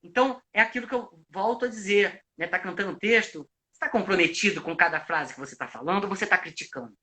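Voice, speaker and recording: Brazilian man, actor, bright voice, reflective explaining, restarts, video call. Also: high-pitched, fast talker. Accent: Brazilian Portuguese. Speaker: actor and acting coach. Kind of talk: live video chat, giving advice.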